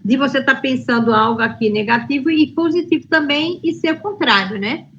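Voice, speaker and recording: A woman's voice: high voice, brisk, fairly bright tone, muffled recording. A woman student asking her teacher a question, thinking aloud and hesitating as she builds her point. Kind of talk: classroom question.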